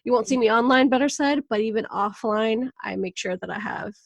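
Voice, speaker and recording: Her voice sits a little high here, fairly quick with some vocal fry, recorded dry. The Venezuelan wellness coach, in her thirties, chats on a podcast about her life, candid, lively, and quick to laugh.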